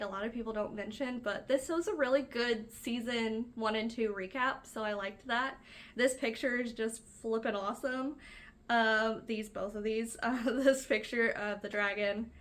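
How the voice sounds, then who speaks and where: A woman's voice: medium pitch, a bit bright. A woman hosting a casual reaction vlog, chatty and gushing, with lots of fillers. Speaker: book-reading video host.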